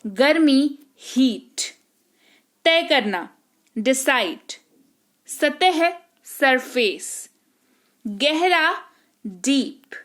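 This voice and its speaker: Casting note: woman teacher, high voice, unhurried word-by-word delivery. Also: fairly bright tone. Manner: slow, explains each word with checks like "ठीक है?". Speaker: English teacher. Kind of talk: vocabulary lesson.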